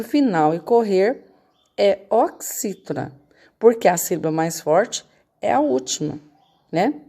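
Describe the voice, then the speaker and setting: A woman's voice: mid-range voice, creaky, a little mellow. A woman teacher going over homework in a recorded lesson, patient and checking in with her students often.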